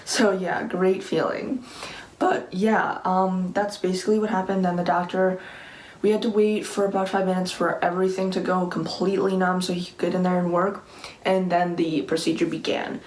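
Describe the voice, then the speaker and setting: A woman's voice: fairly low pitch, flat delivery, normal speed, darkish tone. Chatty teenage woman in an echoey room. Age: late teens. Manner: rambling, conversational, peppered with "like". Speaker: vlogger. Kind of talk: casual personal storytime to camera. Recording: echoey room with faint background noise.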